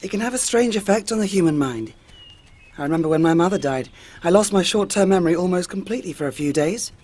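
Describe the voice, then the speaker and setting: An actress playing a brusque, practical woman in an audio drama, with a husky voice and deadpan, clipped delivery. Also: fairly low pitch, fast. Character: brusque, practical, dry-witted woman who takes charge.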